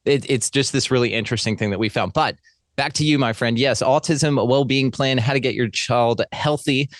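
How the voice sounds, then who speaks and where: A man's voice: medium pitch, brisk, no room sound, clean studio sound. Chummy male podcast host. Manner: warm, chummy, laughs often. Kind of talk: casual interview.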